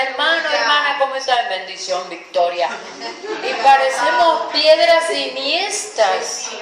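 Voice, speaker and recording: A woman pastor preaching a sermon in a lively, repetitive way, asking her listeners questions. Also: sits high. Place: large echoey church hall. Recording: very echoey hall with faint background noise.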